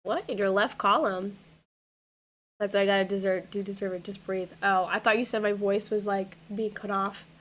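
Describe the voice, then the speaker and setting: A young woman streamer with a hoarse, worn-out voice chats casually with viewers from her home setup, rambling and repeating herself with lots of fillers. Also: mid-range voice, steady tone, normal speed, a bit bright. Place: home gaming room.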